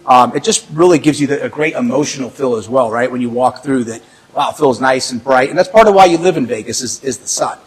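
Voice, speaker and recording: Speaking fast in a husky, medium-pitched voice, a real estate agent gives an informal walkthrough of a large house on a low-quality recording. He is talkative and upbeat, with many fillers and easy laughs.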